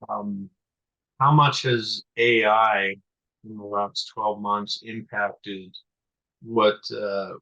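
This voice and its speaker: A middle-aged podcast host conducts a conversational interview, asking long, winding questions packed with fillers. His voice is lowish with a fairly bright tone, and the recording has a dull, lo-fi sound.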